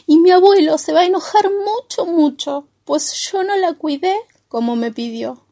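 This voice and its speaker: A woman's voice: normal speed, dark tone. A woman doing a wailing little boy. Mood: sobbing. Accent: Argentine. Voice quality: high, tearful wailing. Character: little boy who sobs over his lost stone.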